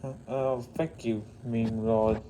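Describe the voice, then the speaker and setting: A man talking in a casual vlog, rambling and halting with many fillers and restarts. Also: mid-range voice, little pitch movement. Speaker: vlogger. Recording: loud background noise.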